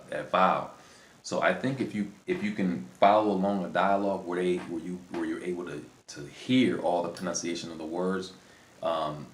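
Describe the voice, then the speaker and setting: A man hosting a language-learning video, giving casual unscripted advice in a rambling way, often repeating and rephrasing himself. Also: deep voice. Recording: roomy echo, faint background noise.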